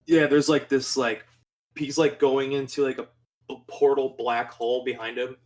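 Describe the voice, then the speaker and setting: A young man in a loose, chatty podcast conversation. His voice sits in an ordinary middle pitch, and he gets excited as he talks. He rambles through plenty of "like"s and swears freely. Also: moderate pace. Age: young adult. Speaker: podcast co-host. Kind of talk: casual chat.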